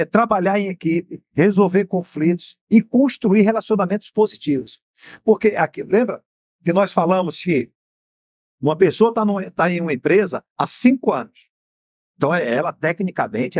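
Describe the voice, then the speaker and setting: A man's voice: high-pitched, no room sound, studio quality. A Brazilian man with a Bahian accent hosting a TV program, explaining in a didactic way and asking rhetorical questions. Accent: Brazilian Portuguese, Bahian. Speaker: TV show host and mentor. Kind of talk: explanatory TV talk on finance. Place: TV studio.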